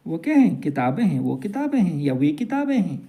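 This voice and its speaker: A man's voice: on the high side, big pitch swings, mellow. A man teaching an English grammar lesson, drawing out each example sentence. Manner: slow, drawn-out example sentences.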